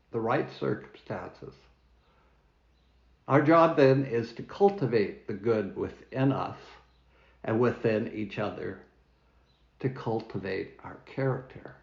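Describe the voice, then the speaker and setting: A man who is a minister, preaching a sermon in a church, telling a story in a measured way with dramatic pauses, with a New Zealand accent. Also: medium pitch, vocal fry. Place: church hall. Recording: roomy, dull church recording.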